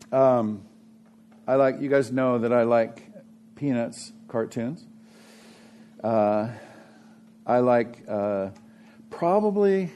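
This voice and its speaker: A man's voice: medium pitch, warm tone, slight background noise. Chatty joking male preacher. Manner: chatty, joking storyteller with frequent fillers. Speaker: pastor. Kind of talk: sermon.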